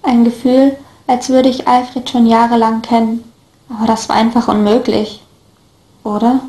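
A woman narrating a first-person story in a steady, even reading voice. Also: fairly high pitch, measured pace. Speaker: audiobook reader. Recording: echoey room.

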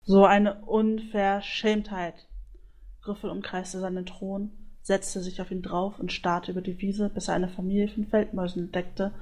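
Woman calmly reading a storybook. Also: fairly low pitch, normal speed, hardly any pauses. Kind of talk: storybook narration.

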